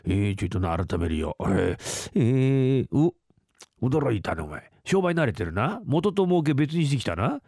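A rough-tongued old Edo uncle, as a rakugo storyteller puts him on, barking and grumbling at a slow-witted nephew. His lively voice jumps from gruff low mutters to sharp, exasperated outbursts. The sound is dry and close to the mic. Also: no echo. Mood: coaxing. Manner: rough, scolding Edo-style speech.

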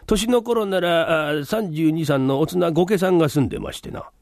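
A man voicing a polite older landlord who tells a tale slowly and dramatically, in rakugo storytelling. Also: fairly high pitch, a little mellow, no echo, studio quality, natural voice. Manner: polite, unhurried, dramatic telling.

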